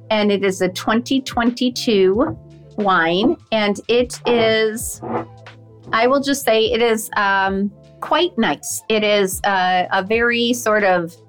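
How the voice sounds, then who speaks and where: Relaxed woman, podcast co-host, casual and unhurried. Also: medium pitch. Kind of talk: casual chat.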